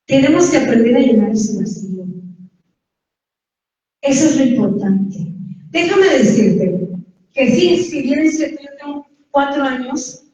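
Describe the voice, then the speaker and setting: Woman, Mexican accent, church testimony, high voice, distant mic, dull sound. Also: lively intonation, unhurried, pauses often, dark tone, very echoey. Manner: conversational, addresses listeners directly. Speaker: church member giving testimony. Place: church hall.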